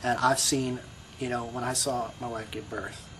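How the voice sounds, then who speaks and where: Recorded against a noisy background, this middle-aged man speaks at normal speed in a mid-range voice with little pitch movement. A video blogger with a Brooklyn accent, he muses in a casual personal monologue, rambling and reflective, with frequent you-knows and restarts.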